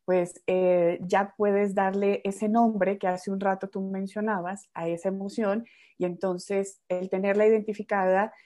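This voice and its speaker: A woman's voice: mid-range voice, flat delivery, a little slow, warm tone. A woman co-hosting who builds on the guest's point.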